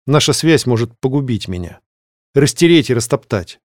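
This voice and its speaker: A man reading a fantasy novel aloud as scripted narration, in a measured, steady way. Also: mid-range voice, no echo, clean studio sound. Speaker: audiobook reader.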